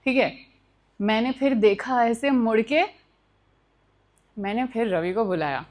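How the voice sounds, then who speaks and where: A young woman telling a true personal story at a live storytelling session, animated and mixing in English phrases, acting out noises with sound words. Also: on the high side, a little slow. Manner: mixes Hindi with English phrases.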